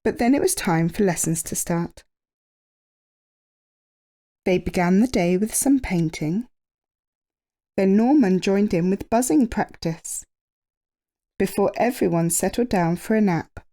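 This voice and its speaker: A woman storyteller reads a children's picture book expressively in a mellow, mid-range voice, using drawn-out emphasis and dramatic pauses.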